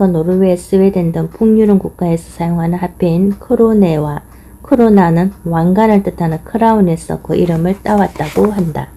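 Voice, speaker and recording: Dark husky-voiced woman reading aloud. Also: mid-range voice, rough recording. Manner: measured, steady reading. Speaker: audiobook reader. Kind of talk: scripted narration of a nonfiction book.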